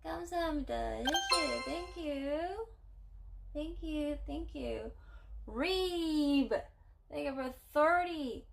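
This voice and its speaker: A woman's voice: high-pitched, unhurried, gravelly, soft background music. A woman chatting casually on a livestream in a playful, girlish way, thanking her subscribers. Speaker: live streamer.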